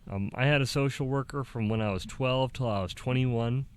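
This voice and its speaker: Halting, soft-spoken man vlogging. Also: mid-range voice, a little hiss or hum. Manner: halting, repeats and restarts, laughs lightly; acts out quoted dialogue in a raised voice. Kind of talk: casual talk to camera.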